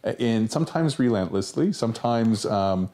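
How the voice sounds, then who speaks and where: A man's voice: medium pitch, animated, moderate pace, warm tone. A man who is a longtime coaching client, speaking as a guest in a casual chat and agreeing often. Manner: agreeable, frequent short affirmations. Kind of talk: casual conversation.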